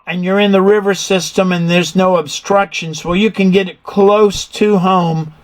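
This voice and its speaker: A man's voice: high-pitched, fairly even intonation, normal speed. A man teaches like a hands-on instructor. He explains technical details step by step and puts questions to his learner as he goes. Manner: methodical, quizzes the learner. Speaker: instructor giving an engine room tour.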